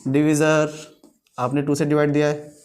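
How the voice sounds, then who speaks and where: High-voiced man teaching a math class. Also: little pitch movement, normal speed, darkish tone. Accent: Hindi. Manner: quizzing students with repeated questions. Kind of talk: classroom lecture.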